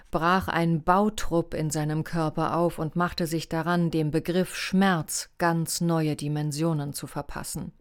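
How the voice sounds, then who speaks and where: Audiobook narrator, low female voice, steady delivery.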